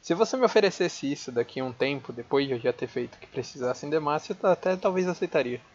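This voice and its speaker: A man's voice: fairly high pitch, lively intonation, fast talker, a little hiss or hum. A man with a Brazilian accent, playing a tabletop role-playing game in a casual, polite and slightly hesitant way. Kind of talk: casual in-character role-play. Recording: dull, lo-fi voice recording.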